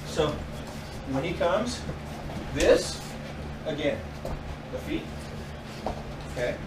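A man with a high-ish voice and big pitch swings speaks very slowly, picked up by a distant camera mic. He instructs a martial arts class in a garage dojo with mats, talking as he demonstrates moves and adding sound effects. The indoor recording is echoey and loud with noise, and he sounds far away.

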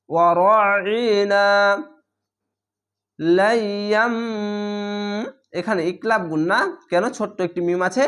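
A man teaching recitation who spells each word letter by letter, then chants it slowly and draws it out. He states the reading rules briskly and often repeats them. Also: high-pitched, fairly bright tone.

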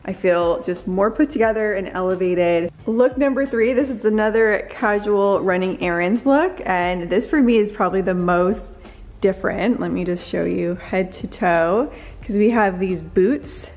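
A woman's voice: medium pitch, a little slow, a little mellow. Upbeat woman vlogging at home. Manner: upbeat, gushing, chatty. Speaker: lifestyle vlogger. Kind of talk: casual vlog try-on chat. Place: bright living room at home. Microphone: camera in hand and mirror selfies.

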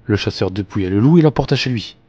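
A man reading classic fairy tales aloud as a storyteller, with expressive, animated narration. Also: on the low side, fast talker, dull audio. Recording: long reverb, faint background music.

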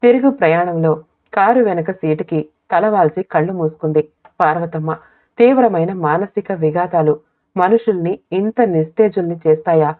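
Low-voiced woman reading a story. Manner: steady, measured reading. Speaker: audiobook narrator. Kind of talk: scripted story narration. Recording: tinny phone-like audio.

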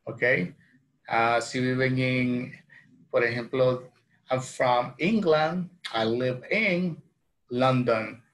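A man in his thirties from El Salvador with a Salvadoran Spanish accent, teaching a bilingual English lesson from a small room at home, repeating phrases slowly and then translating them into Spanish. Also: mid-range voice, fairly bright tone.

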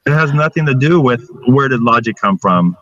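A middle-aged man debating over a video call, making his case point by point in a steady way. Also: mid-range voice, moderate pace, dry recording, dull audio. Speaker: atheist debater. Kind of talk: casual debate.

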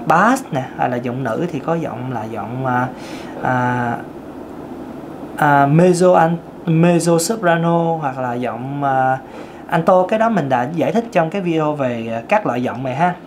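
Here a singing teacher from Vietnam talks easily through a lesson, making jokes at his own expense and singing scales as examples. He has a thin, light tenor that leans high. There's slight background noise.

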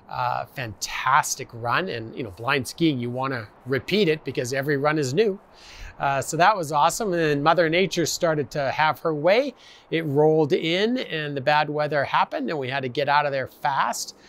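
Halting man recalling a ski day. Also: on the high side, a bit bright. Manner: halting, many fillers. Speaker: blind skier. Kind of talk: interview recollection. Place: outdoors by forest.

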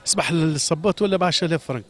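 Rapid agitated Tunisian shoemaker, high voice. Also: male voice. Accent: Tunisian Arabic, Sfax. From Sfax, Tunisia. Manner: agitated, repeats questions, pleading. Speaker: shoemaker interviewed on the street. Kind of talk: street interview, impassioned complaint.

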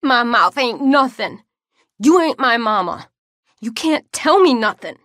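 A woman's voice: on the high side, very animated, measured pace, a bit bright, no room sound, clean studio sound, voice pushed up. A woman voicing a defiant seven-year-old girl who wails and whines through tears, in an audiobook. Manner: wailing, whining.

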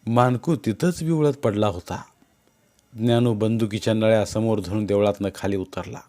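A man reading a novel aloud as an audiobook narrator, in measured storytelling. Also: on the low side, mellow. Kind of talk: scripted narration.

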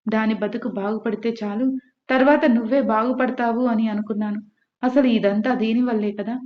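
A woman reading the part of a bedridden mother, scolding loudly and bitterly. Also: a little high, natural voice. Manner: shouting, scolding. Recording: echoey room, dull lo-fi.

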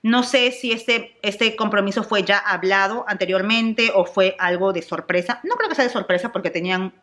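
A young adult woman from Peru with a Peruvian Spanish accent, chatting excitedly in a casual gossip vlog and dropping English exclamations. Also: mid-range voice, moderate pace. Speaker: celebrity gossip vlogger.

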